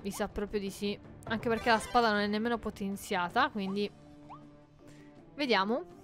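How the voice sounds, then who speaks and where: Over faint music, a woman with a fairly bright, mid-range voice talks at normal speed while playing a video game. She's a gaming YouTuber doing let's-play commentary, chatty and full of jokes, and shrieks in panic whenever things go wrong.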